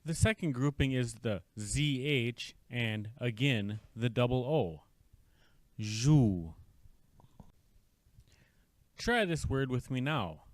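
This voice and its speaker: A man's voice: medium pitch, expressive, no room sound. A man teaching a language lesson, patiently sounding out syllables and words for the listener to repeat. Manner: slow, drawn-out repetition of syllables.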